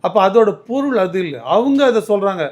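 A man's voice: high voice, animated, fairly quick. A man answering as a political commentator in an interview, arguing emphatically and often restarting his words.

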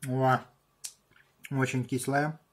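A man in his thirties chatting casually on a home vlog in halting short bursts while he handles and tastes things, with a husky voice. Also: mid-range voice, little pitch movement, slight background noise. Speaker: video host tasting candy. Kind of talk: casual vlog chat with muttered reactions. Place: small room at home.

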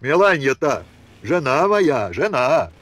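A man's voice: mid-range voice, very animated, a little fast. A man voicing a frightened young peasant soldier who pleads and mumbles in rustic dialect. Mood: pleading.

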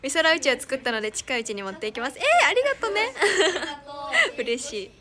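A young woman with a high, bright voice and a Kansai accent chats casually to fans on a live stream. She giggles often and thanks viewers as she reads their comments. A crowd murmurs in the background. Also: lively intonation, fast. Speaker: idol streamer.

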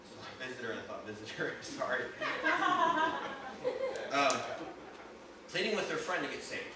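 In a church sanctuary, a guest minister with a medium-pitched voice, lively intonation and moderate pace tells a personal testimony during a sermon, building from storytelling to emphatic preaching. The recording is noisy and echoey, made in a hall with a distant mic.

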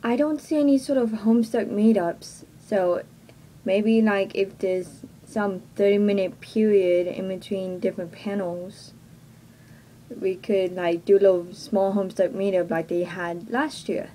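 A woman's voice: mid-range voice, fairly even intonation, unhurried, dark tone, a little hiss or hum, poor audio. A young woman with a Texan accent making a casual announcement to her viewers, hesitant and self-conscious, filling her talk with "like," recorded on a webcam in a small bedroom. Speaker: vlogger. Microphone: webcam at close range.

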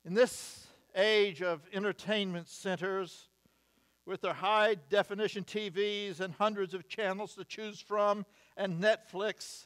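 An older American pastor with a high, slightly bright, clean male voice preaches a sermon from a wooden pulpit in a church sanctuary. He is measured, adds wry asides and reads lists emphatically, picked up by a pulpit mic with the camera far away.

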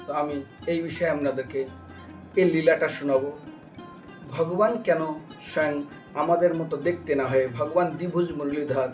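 A man with a slightly high voice speaks at a moderate pace, pausing often. He's a religious preacher and storyteller delivering a devotional lecture as an animated story, acting out dialogue and questioning his listeners. The mic is distant, with music behind him.

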